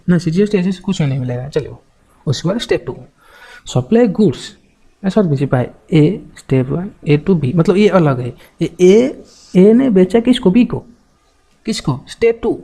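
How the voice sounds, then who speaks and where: A man's voice: high-pitched, mellow, low-quality recording. A man teaching an online accounting class, talking in a chatty, joking way and often checking back with his students. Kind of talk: informal classroom lecture.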